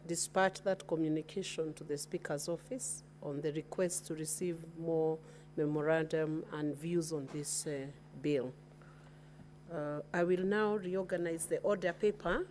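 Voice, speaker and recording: A woman presiding over a parliament, giving formal procedural rulings in a halting, measured way. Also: lowish voice, darkish tone. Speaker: presiding speaker of a senate. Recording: noisy chamber with hum.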